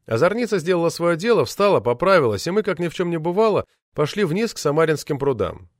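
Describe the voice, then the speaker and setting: Expressive male audiobook narrator. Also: a little high, no room sound, clean studio sound. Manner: measured, expressive reading.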